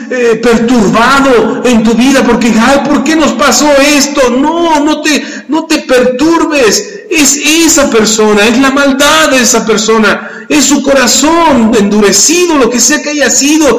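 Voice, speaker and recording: A man's voice: very high-pitched, a bit bright. A middle-aged man preaching a sermon in a church, emphatic, repeating his phrases and adding jokey asides. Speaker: pastor. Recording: echoey church hall.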